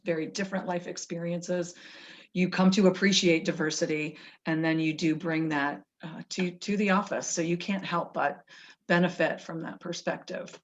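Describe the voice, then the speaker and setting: A woman hosting a podcast interview, asking friendly, prompting questions. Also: lowish voice. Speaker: podcast host. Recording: dull, muffled podcast recording.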